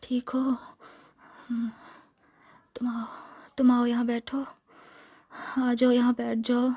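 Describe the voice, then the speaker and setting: In a romantic ASMR role-play, a woman with an Indian accent plays a possessive, scheming vampire girlfriend, using a breathy, soft, fairly high and exaggerated voice that often sinks into a whisper. She speaks slowly with a very even melody, sounding apologetic and hungry. Her manner is intimate and coaxing, tenderly lingering on repeated phrases.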